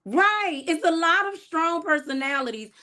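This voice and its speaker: High voiced woman cohost, quick mm-hmms, reads comments out. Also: lively intonation, a loud crowd. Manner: agreeable, quick affirmations. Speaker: co-host. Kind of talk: casual chat, reading viewer comments.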